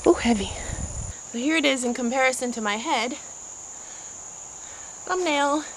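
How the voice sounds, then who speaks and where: Her voice sits high with a fairly bright tone as this middle-aged gardening vlogger gives a breezy, upbeat backyard tour, speaking to a handheld camera while she works outside. The camera mic makes for a rough recording with slight background noise, and faint crickets and insects can be heard.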